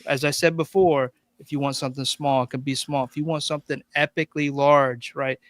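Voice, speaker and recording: A man's voice: mid-range voice, flat delivery, fairly quick, a bit bright, dry recording. A man who is a guest on a livestream, talking enthusiastically about his product and upcoming conventions. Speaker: guest toy creator. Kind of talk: casual livestream chat.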